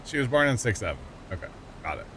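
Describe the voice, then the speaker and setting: Over game vehicle engine noise, a middle-aged man hosts a casual gaming livestream. His lowish voice is sing-song and quick, and he teases his co-player, cracks jokes and hums while playing.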